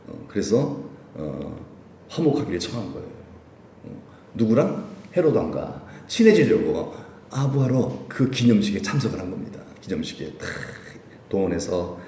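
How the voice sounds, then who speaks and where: A man's voice: deep voice, big pitch swings, moderate pace, dark tone, roomy sound, far from the mic, a little hiss or hum. A male pastor giving a chatty sermon at a midweek prayer meeting, putting many questions to his listeners. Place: church sanctuary.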